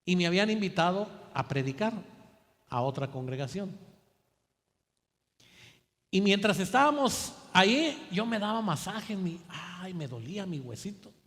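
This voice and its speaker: A man's voice: sits high, lively intonation, measured pace, long pauses, fairly bright tone. A man preaching a sermon, telling stories animatedly and acting out the voices of biblical figures. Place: church sanctuary. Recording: church hall with long reverb.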